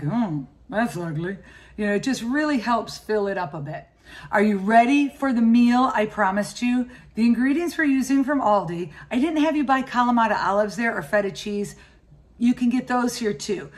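A woman in her fifties, a cooking vlogger, chatting enthusiastically to the camera as she gives practical grocery and recipe tips. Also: medium pitch. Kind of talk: casual shopping and cooking walkthrough. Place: indoors at home and in a grocery store.

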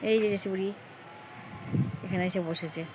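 A woman's voice: medium pitch, steady tone, normal speed, background noise. A woman in her thirties chatting casually to viewers as she cooks and tidies at home, recorded on a phone camera. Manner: chatty, homely, addresses viewers as friends. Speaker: home vlogger. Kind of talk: casual daily-life vlog narration. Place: home kitchen and rooftop.

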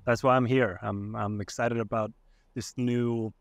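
Unhurried and fairly even in intonation, this young man from Iceland has a mid-range voice with no room sound. Speaking as a podcast guest via video call on a headset from his home streaming room, he chats casually but hesitantly, with many fillers and restarts.

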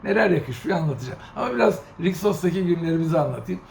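A middle-aged man from Turkey telling a travel story in a casual, animated monologue, getting indignant and briefly mimicking officials. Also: a little high, fast talker, creaky. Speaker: host. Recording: echoey room with faint ambient noise.

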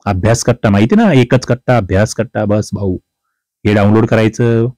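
A male teacher giving an exam-prep grammar lesson, fast, chatty and teasing. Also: fairly low pitch, steady tone, dark tone, dry recording. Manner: fast, chatty and teasing, calls students brother and sister.

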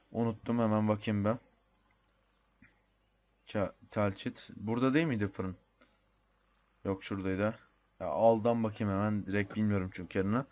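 A young gamer with a Turkish accent casually commentates his own gameplay, chatty and thinking aloud, muttering the odd mild swear. His voice is on the low side and a little mellow.

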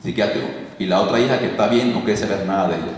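A man's voice: lowish voice, very fast. A man preaching on deliverance in a loose, conversational way, repeating himself and often saying "ok". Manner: loose, repetitive, peppered with "ok". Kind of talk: conversational sermon. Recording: echoey hall, distant mic.

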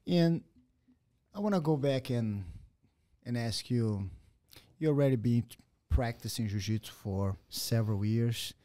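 A male podcast host who also teaches jiu-jitsu speaks in a low, mellow voice during an interview. His phrasing is halting and searching, with non-native grammar, recorded on a boom-arm studio mic with headphones in a podcast studio inside a martial arts gym.

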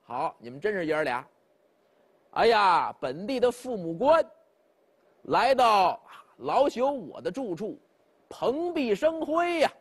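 A storyteller voicing an aloof old drunken hermit who talks in a drawling, mock-humble way. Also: male voice, high-pitched, sing-song, slow pace, long pauses, husky, full character voice. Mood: wry, aloof.

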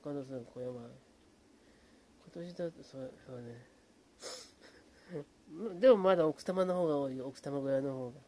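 A man talking in a hushed, low voice from his apartment late at night, greeting viewers by name and rambling in a relaxed way. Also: normal speed, long pauses. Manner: hushed, low-volume talk; relaxed, rambling, fond of fillers like うん. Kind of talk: casual late-night chat.

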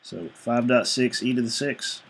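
A man's voice: medium pitch, a little slow, breathy edge. A male engineering instructor giving a screencast lecture, explaining each step evenly and reading out numbers as he works.

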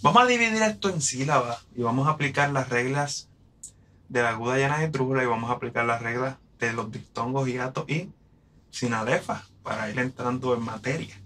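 Man, Puerto Rican accent, middle-aged, bright tone, patient teacher, counts syllables aloud. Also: medium pitch, a little fast. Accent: Puerto Rican Spanish. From Puerto Rico. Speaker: poetry teacher. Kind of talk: explaining a lesson on verse and syllable counting.

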